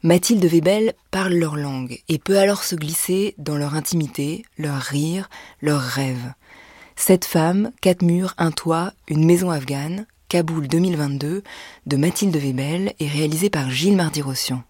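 A woman with a very low, husky voice reads a scripted radio introduction. Her delivery is measured and lyrical, and she often pauses between short phrases. The sound is dry and close, with no room around it. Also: a little mellow, no room sound. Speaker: radio documentary presenter.

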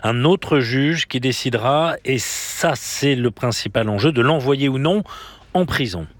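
A man's voice: medium pitch, lively intonation, measured pace, dry recording. A man presenting radio news in a composed, lightly conversational way. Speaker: news anchor.

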